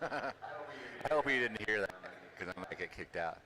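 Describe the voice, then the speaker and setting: A man working as a race announcer, making casual, joking calls over a PA loudspeaker at an outdoor race track. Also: fairly low pitch, expressive, normal speed, crowd noise, low-quality recording.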